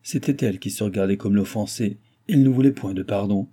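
Husky, dark-voiced male audiobook narrator. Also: on the low side, fast talker. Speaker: audiobook reader.

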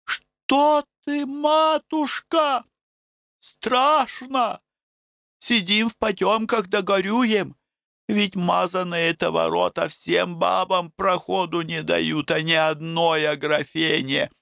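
A male reader voicing frightened village women who wail and plead in high shrill voices. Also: level tone, slow pace, vocal fry, fairly bright tone, dry recording, clean studio sound, exaggerated voice. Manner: wailing, pleading.

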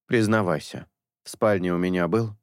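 A man voicing a patient young priest in an audiobook, coaxing and reasoning in a low voice. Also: normal speed, clear, resonant tone, dry recording, clean studio sound. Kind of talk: audiobook character dialogue.

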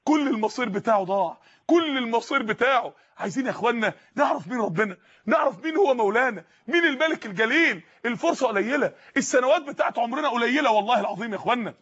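A man with an Egyptian Arabic accent preaching a sermon in an impassioned way, raising his voice to shouts. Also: very high-pitched, expressive, rapid-fire. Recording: muffled lo-fi recording.

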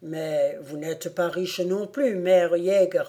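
A woman doing a slow, booming old village policeman. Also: steady tone, mellow. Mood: hesitant. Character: portly aging village policeman, good-natured.

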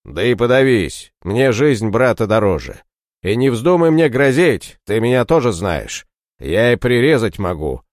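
A man's voice: mid-range voice, very animated, measured pace, no echo, studio quality. A man voicing a hard, menacing young male warrior who speaks bluntly and threatens in an audiobook story. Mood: grim.

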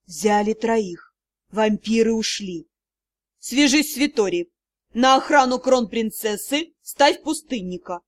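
A woman reading an audiobook, voicing a male subordinate giving slow, clipped, dutiful reports to his lord. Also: on the high side, lively intonation, no room sound, pitched below the performer's own voice. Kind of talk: audiobook character voice.

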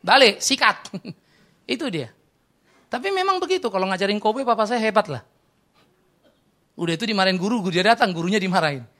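A man preaching a sermon as pastor, telling stories with quoted dialogue and swinging between loud exclamations and quiet confiding asides. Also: high voice, lively intonation, brisk, long pauses.

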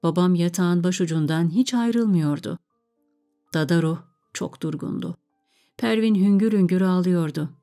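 A woman narrates a story in a calm, measured reading voice. Her tone is low and warm. Soft music plays faintly behind her.

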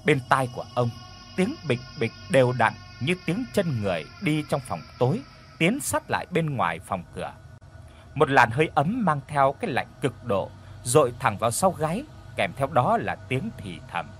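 A man reading a horror story aloud as an audiobook narrator, dramatic, with tense pauses. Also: medium pitch, very animated, faint music behind.

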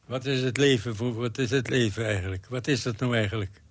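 A man in his nineties giving an interview, halting and repeating words as he searches for them. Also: mid-range voice, steady tone, dry recording. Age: 90s.

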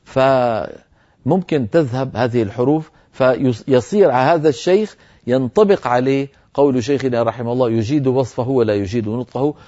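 Mellow male recitation teacher. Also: mid-range voice, normal speed. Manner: explanatory, demonstrates letter sounds aloud. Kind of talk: televised recitation lesson. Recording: dull lo-fi broadcast audio.

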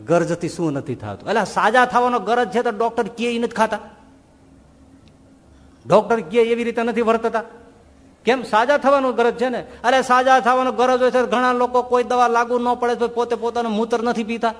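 A man's voice: extremely high pitch, normal speed. A man giving a spoken sermon, telling stories and asking rhetorical questions, acting out the voices of the people in them. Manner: animated, rhetorical questions, acts out quoted voices. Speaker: swami giving a religious discourse. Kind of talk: sermon storytelling. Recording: long hall reverb.

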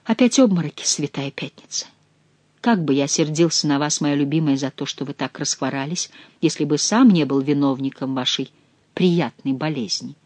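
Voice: mid-range voice, moderate pace, darkish tone, no echo, close to an everyday voice. A reader voicing an amorous, gallant young king who talks tenderly and effusively to his beloved.

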